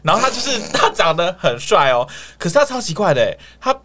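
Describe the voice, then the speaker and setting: Woman, quick bemused chatter, noisy clicky mic. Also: on the low side, sing-song, a bit bright. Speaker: podcast co-host. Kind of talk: casual chat.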